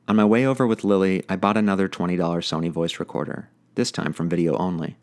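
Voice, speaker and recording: Guy reading his podcast script, kinda low voice, reflective and personal. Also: steady tone, fast talker, a little mellow. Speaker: podcast host.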